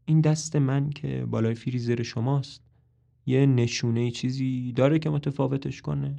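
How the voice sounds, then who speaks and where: A man doing a calm, quietly menacing captor. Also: medium pitch, gravelly, natural voice.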